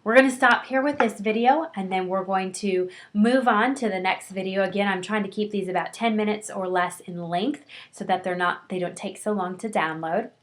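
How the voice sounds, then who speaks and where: Lecturing to her counseling students in a recording, this middle-aged instructor keeps her tone warm, conversational and encouraging at a normal pitch. Her speech is punctuated by frequent "um" pauses and restarted sentences.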